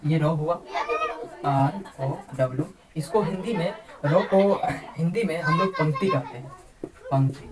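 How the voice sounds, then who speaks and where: A woman teaching a math lesson, explaining slowly and repeating key terms over and over. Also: low voice, rough recording. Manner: repeats words and says "ठीक है" often, slow deliberate explaining. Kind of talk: classroom-style math lesson.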